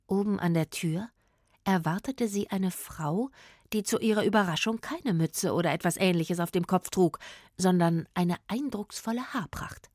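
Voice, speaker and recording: A woman reading a children's story aloud in a lively, expressive narration. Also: lowish voice, normal speed, no echo, clean studio sound.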